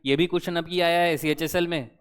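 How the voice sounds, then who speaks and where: A man's voice: a little high, fairly even intonation, fast talker, clear, resonant tone. A young man teaching current affairs for exam preparation, chatty, constantly quizzing his students with questions. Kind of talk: exam-prep lecture. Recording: long hall reverb.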